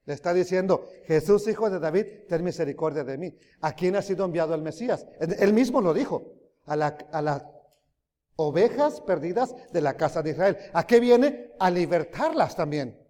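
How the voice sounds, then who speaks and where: A man preaching a sermon, emphatic, swinging between loud rises and quiet drops, often asking his listeners questions. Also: high voice, animated, moderate pace. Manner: emphatic, rising and dropping loudly, asks the audience questions. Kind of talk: sermon teaching. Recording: long hall reverb.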